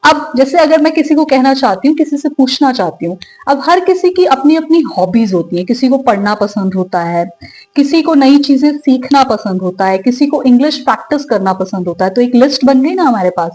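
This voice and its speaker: A woman teaching English pronunciation, asking questions and drawing out the example words slowly. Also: high voice, expressive, darkish tone, rough recording. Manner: slow, drawn-out English model words; asks learners questions and answers them. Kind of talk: spoken lesson in Hindi with English examples.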